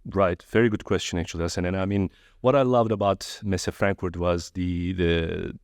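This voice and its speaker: Deep-voiced Turkish-born man, friendly guest. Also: normal speed, no echo, studio quality. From Turkey. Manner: friendly, storytelling with animated quoted voices. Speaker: podcast guest. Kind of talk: casual interview conversation.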